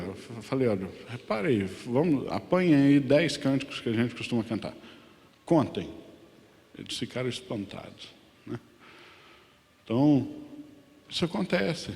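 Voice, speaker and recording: A Brazilian pastor teaching a Sunday Bible class in a conversational way, often asking the class questions. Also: male voice, mid-range voice, darkish tone, long reverb tail. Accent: Brazilian Portuguese. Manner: conversational, asks the class questions, many tag questions; sings lyric lines slowly. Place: church hall.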